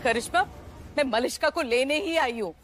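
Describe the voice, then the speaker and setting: A very high-voiced middle-aged Indian mother, played by a woman in a TV melodrama, haughty and confrontational. Her delivery is imperious and pointed, with music clearly behind it. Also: normal speed, natural voice. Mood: accusing. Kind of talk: melodramatic TV soap acting.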